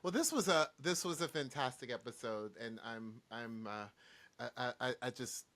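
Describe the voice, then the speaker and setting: A man co-hosting a podcast, excitable and stammering through restarts in casual chat. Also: mid-range voice, normal speed. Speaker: podcast co-host.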